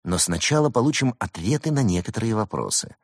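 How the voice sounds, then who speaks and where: A man voicing a calm, dry-witted young leader. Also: lowish voice, a little fast, no echo, voice pushed up.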